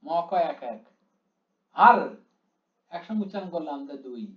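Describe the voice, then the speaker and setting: High-voiced man teaching in an echoey room. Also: expressive, fast. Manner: explains step by step, drawing out syllables to show their length. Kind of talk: classroom lecture. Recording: echoey room, dull lo-fi sound.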